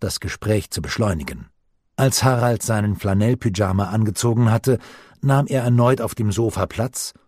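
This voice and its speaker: A male narrator reading a novel aloud, measured and composed, with a husky, slightly breathy tone. The recording is close and dry, with no room around the voice. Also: on the low side, darkish tone, dry recording. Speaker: audiobook narrator.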